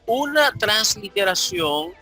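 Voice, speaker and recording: A man teaching a Hebrew grammar lesson online, explaining slowly and repeating the key points. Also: extremely high pitch, vocal fry, bright, forceful tone, soft background music. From Dominican Republic.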